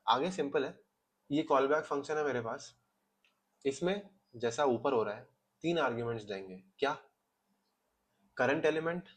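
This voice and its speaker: Male coding tutor, mid-pitched, steady step-by-step explainer, Hindi with English terms. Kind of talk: casual screen-recorded coding lesson.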